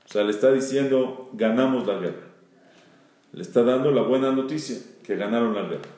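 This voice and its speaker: Speaking a little fast in a mellow, medium-pitched voice, a rabbi reads Hebrew verses and explains each in Spanish during a Bible storytelling lesson. He repeats phrases for emphasis, and the room is very echoey.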